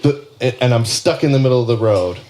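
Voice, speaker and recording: A man's voice: mid-range voice, lively intonation, quick pace, a little mellow. Laughing, profane young man telling a story. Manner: laughing storyteller, swears freely. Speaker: podcast host. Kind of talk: casual chat.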